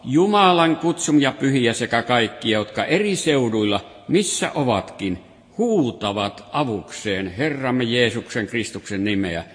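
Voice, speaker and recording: A man preaching a sermon, reading and explaining scripture with rising and falling emphasis. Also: mid-range voice. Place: hall. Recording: long reverb of a hall.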